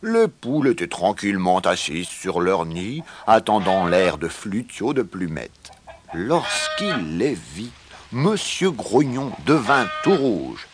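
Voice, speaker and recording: A man reading a children's story aloud in an expressive way. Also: lowish voice, background noise. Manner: slow, expressive read-aloud.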